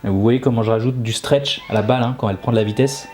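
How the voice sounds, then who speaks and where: A man's voice: mid-range voice, steady tone, fast, over loud music. A man hosting an animation lesson, explaining things in a casual, informal way and often adding little tag words. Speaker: animation teacher and video host.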